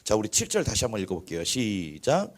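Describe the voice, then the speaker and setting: Talking quickly in a fairly low voice, this preacher keeps his church sermon lively and conversational. Along the way he addresses the congregation directly and acts out little examples.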